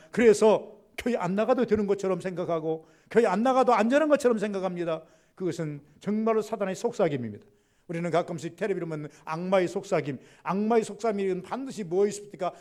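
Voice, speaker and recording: A middle-aged male pastor preaching a Sunday sermon in a fairly high voice. He keeps putting questions to the congregation and answering them himself. When he quotes, he acts the lines out, swelling loud and then falling quiet. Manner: acts out quoted speech with strong rises and drops in loudness.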